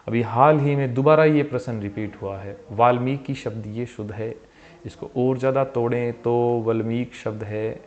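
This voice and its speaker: A man teaching a Hindi exam-prep spelling lesson, repeating each word and its correct form and often dropping his voice softly at the ends of phrases. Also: medium pitch, moderate pace. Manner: calls viewers "bhai", asks them questions; voice drops soft at the end of phrases. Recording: slightly dull, lo-fi sound.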